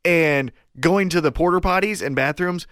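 A man from Kansas City co-hosting a casual podcast in a hoarse voice that is nearly gone, talking emphatically, repeating himself and swearing freely. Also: a little high, moderate pace, fairly bright tone, no room sound. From Kansas City, United States. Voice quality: hoarse, strained voice close to giving out. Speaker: podcast co-host.

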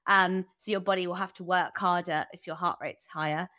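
A young woman talks as a podcast guest in a loose, chatty way, her sentences full of fillers and quick asides. Her voice is bright and forward, and the close mic leaves it dry with no room sound. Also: fairly low pitch, steady tone, no room sound. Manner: chatty, lots of "like" and "um", laughs easily. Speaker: guest runner. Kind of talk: casual podcast interview.

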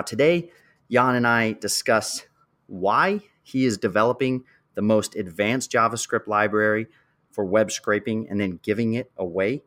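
A man with a fairly low voice hosts a podcast, delivering a polished, scripted-sounding introduction. He then poses questions to his guest in the same smooth, practiced way. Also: a bit bright. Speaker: podcast host.

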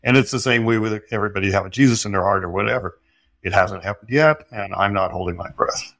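A man with a somewhat low voice talks through history for a podcast interview. He explains carefully, pausing and restarting, with flashes of dry humor. The sound is close and dry, with no room around it. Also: fairly bright tone, no echo. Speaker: guest historian. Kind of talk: conversational interview answers.

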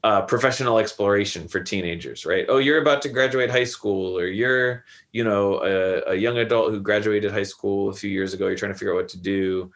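A man's voice: fairly low pitch, fairly quick, hardly any pauses, a bit bright. A man in his thirties, a podcast guest, talking reflectively in a loose, rambling way full of fillers. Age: 30s. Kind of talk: casual conversation.

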